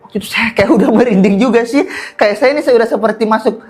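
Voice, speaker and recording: Animated man telling his story. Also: extremely high pitch, fast talker. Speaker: podcast guest. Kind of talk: casual storytelling.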